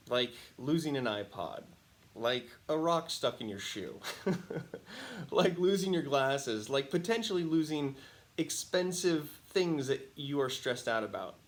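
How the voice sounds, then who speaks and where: A man speaks straight to the camera in an easygoing monologue, with a voice of ordinary, middling pitch. He tells his stories in a lively, animated way and breaks into laughs often. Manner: animated, chatty storytelling with frequent laughs. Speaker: host. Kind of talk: casual talking-to-camera monologue.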